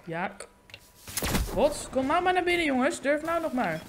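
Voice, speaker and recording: A man from the doing excitable gameplay commentary while he has the hiccups, so his voice keeps cracking. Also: very high voice. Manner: excitable, swearing, quick exclamations. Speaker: gaming YouTuber. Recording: game gunfire noise in background.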